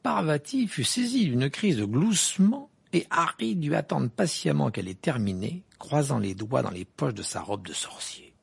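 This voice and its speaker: A reader narrating an amateur audiobook in a lively way. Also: medium pitch, normal speed, creaky, hardly any pauses, slightly rough. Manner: lively reading that slips into laughter.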